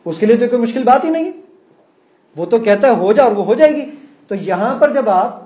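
A man's voice: on the high side, mellow. Man demonstrating an app in an echoey hall. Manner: explanatory, addresses audience directly. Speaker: app founder giving a demonstration. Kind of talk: live presentation to an audience.

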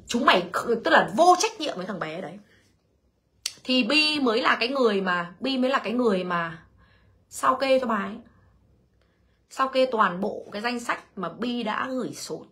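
A woman's voice: on the high side, fairly bright tone. A woman hosting a casual livestream, telling her own story bluntly and animatedly while speaking straight to her viewers.

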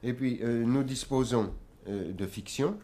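A man from France hosting a radio interview, formal and measured, opening with a prepared introduction before questioning his guest. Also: mid-range voice, mellow.

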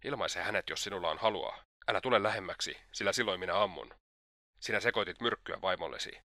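A man reading a fierce young woman in a storybook, deep, bright, accusing. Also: no room sound, clean studio sound. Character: furious young woman holding an attacker off.

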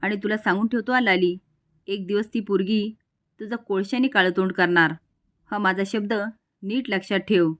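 A woman's voice: mid-range voice, moderate pace, a bit bright, lightly acted. A woman doing a blunt, worried older husband. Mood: warning. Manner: warning, blunt.

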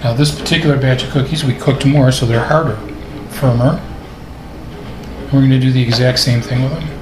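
A man's voice: medium pitch, brisk, reverberant, noisy background. Man explaining a cooking demonstration. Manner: relaxed, explanatory, step-by-step. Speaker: cooking instructor.

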